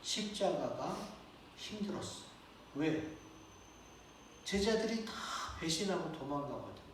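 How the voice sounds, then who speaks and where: A male pastor delivers a sermon in a fairly high voice, talking to his congregation like a conversation and posing questions to them. The sound is very echoey, caught from some distance in a church sanctuary, with faint background noise. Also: sing-song, a little slow. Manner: conversational preaching with rhetorical questions.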